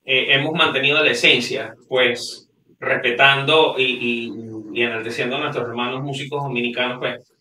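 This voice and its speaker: A Venezuelan band member explains earnestly in an interview, leaning on fillers. His very bright voice comes from away from the mic in a roomy studio with light hiss. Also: medium pitch, steady tone, normal speed, far from the mic. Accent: Venezuelan Spanish. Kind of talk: interview answers.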